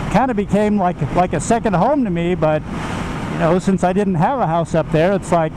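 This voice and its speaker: American guy rambling inside his motorcycle helmet, kinda high voice, engine and wind noise behind him. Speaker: motovlogger. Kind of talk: casual personal storytelling while riding. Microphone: helmet microphone.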